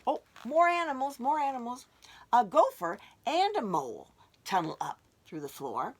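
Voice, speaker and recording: A woman reading a picture book aloud to children as a librarian, animated and inviting them to join in, dropping to whispers for suspense. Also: a little high, moderate pace.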